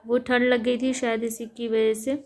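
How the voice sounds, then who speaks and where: Unwell woman vlogger, soft weary chat, flat monotone delivery. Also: a little high, normal speed. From India. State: sick, recovering from fever. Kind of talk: casual vlog chat. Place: lying in bed at home under a blanket.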